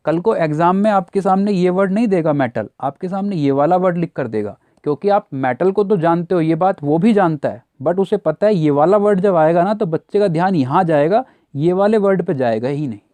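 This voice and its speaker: A man's voice: sits high, fairly quick, hardly any pauses, dark tone, no room sound. A young Indian man teaching vocabulary for exams, explaining step by step, spelling words out letter by letter and checking that students follow. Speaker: English teacher. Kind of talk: exam-prep grammar lesson.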